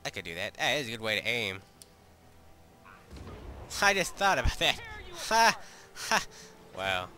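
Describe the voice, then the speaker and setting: A man's voice: mid-range voice, sing-song, unhurried, pauses often, bright, forceful tone. A man giving crude, offhand let's play commentary while playing a game. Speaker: gamer.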